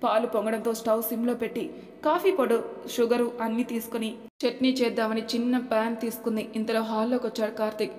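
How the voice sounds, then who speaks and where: A woman narrating an audiobook story in a steady, plain way. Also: fairly high pitch, fast talker. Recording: echoey room with long reverb.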